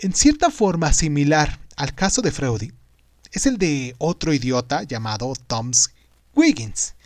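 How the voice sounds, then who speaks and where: A man hosting and narrating a scripted story in a dramatic, emphatic way with deliberate pauses. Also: fairly high pitch, very animated, darkish tone, no room sound. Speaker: podcast host and narrator.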